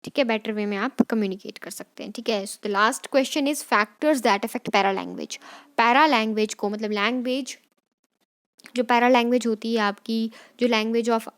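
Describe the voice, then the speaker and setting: Casting: woman teacher, a touch high-pitched, revising exam answers, mixing Hindi and English, repeating key points. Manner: dictates English definitions slowly.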